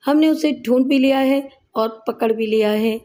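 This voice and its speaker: A gruff, scornful male police inspector who barks orders and scolds his suspect in a storybook reading, as a woman narrator puts him on. His voice sits high and mellow, and every line comes out commanding. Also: lightly acted. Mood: stern.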